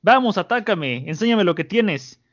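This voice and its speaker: A man's voice: sits high, animated, normal speed, pitched above the performer's own voice. A man with a Mexican accent voicing a smug, mocking male pirate captain, scornful and long-winded, on a muffled lo-fi recording. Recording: muffled lo-fi audio.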